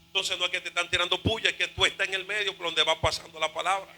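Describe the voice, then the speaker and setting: A male pastor preaching a fervent sermon, shouting and half-singing his phrases. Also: sits high, flat delivery, fast, soft background music, poor audio.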